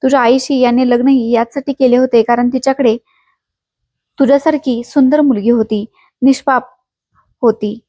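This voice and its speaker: A woman's voice: a little high, steady tone, normal speed, pauses often, dark tone, dry recording, lightly acted. A woman voicing a mocking, domineering older madam. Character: scheming older woman running a brothel.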